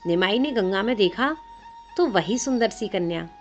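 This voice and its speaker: A woman storyteller narrating a devotional tale in a gentle, expressive way. The recording sounds slightly dull, with faint music behind. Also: mid-range voice, moderate pace.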